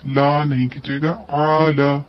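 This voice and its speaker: A man's voice: on the high side, flat delivery, slow pace. A man teaching tajweed, breaking words into letters and drawing out the recited syllables between plain explanations. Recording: dull lo-fi recording.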